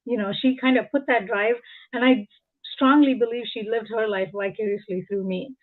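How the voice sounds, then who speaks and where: Woman in her forties, interview guest, slightly high voice, thin phone-like sound. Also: steady tone, moderate pace. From India. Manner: earnest, explains through personal examples. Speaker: guest, engineering leader. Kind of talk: reflective interview talk. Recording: tinny phone-like call audio.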